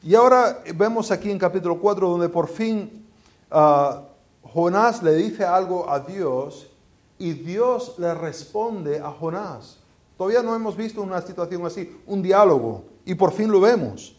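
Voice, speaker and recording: Un predicador que da un sermón en tono conversacional, con preguntas retóricas y frases que a menudo vuelve a empezar. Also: male voice, high voice, lively intonation, unhurried, darkish tone. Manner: conversational, rhetorical questions, frequent restarts. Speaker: preacher. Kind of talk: sermon.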